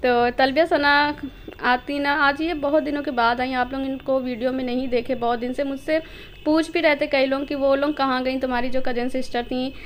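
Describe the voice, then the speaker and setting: A woman's voice: sits high, fairly even intonation, moderate pace, a little hiss or hum. A woman chatting casually to her viewers as she narrates her day in a home vlog. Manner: chatty, explains to viewers directly. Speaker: vlogger.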